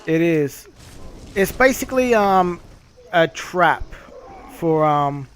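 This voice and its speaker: A man streaming a game, chatting casually and explaining things with swearing and halting pauses. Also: a little high, animated, fairly bright tone, clean tone. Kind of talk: casual gameplay commentary and chat.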